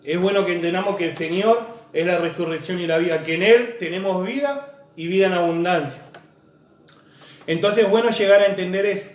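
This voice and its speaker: A man's voice: high voice, fairly quick, reverberant. A man preaching a sermon, earnest and full of repeated phrases and lists as he shares his own testimony.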